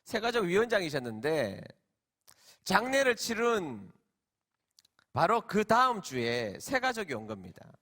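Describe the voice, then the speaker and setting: A middle-aged man, a senior pastor, preaching a sermon as emotional storytelling that swings from loud, stretched emphasis to hushed quiet. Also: high voice, huge pitch swings, measured pace, pauses often.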